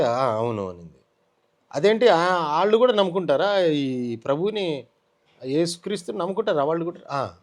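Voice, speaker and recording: An emotional interview testimony comes from a man with a Telugu accent and a voice on the high side. He tells his story in a lively way, performing the lines other people said.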